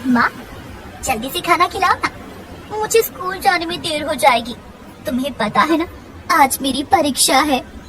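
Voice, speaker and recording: A woman voicing a crazed pregnant schoolgirl in an animated story. She swings between singsong taunts and childlike pleading. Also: high voice, moderate pace, long pauses, background noise, lightly acted. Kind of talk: Hindi cartoon story voice acting.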